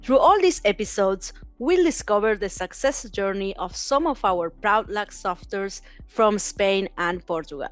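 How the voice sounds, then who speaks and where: A woman's voice: mid-range voice, expressive, measured pace, few pauses, faint music behind. A woman hosting a corporate podcast, reading scripted introductions and asking interview questions in a friendly way. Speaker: podcast host.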